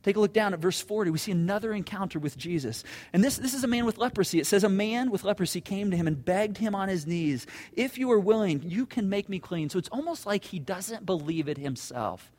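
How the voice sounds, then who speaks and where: A man preaching a sermon, earnest, repeating words as he builds a point and dropping low and soft on solemn lines. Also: expressive, fast, few pauses. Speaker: pastor.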